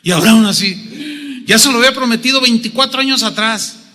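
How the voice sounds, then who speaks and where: A man preaching a sermon as pastor, animated and playful as he acts out the people in the story. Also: very high voice, brisk, big-room sound. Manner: animated, acts out biblical figures with humor.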